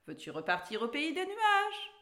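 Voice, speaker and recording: A woman's voice: high-pitched, wildly swooping pitch, normal speed, a bit bright, roomy sound, voice pushed up, full character voice. A woman voicing a grumpy, impatient little dwarf in a storybook reading, curt and irritated.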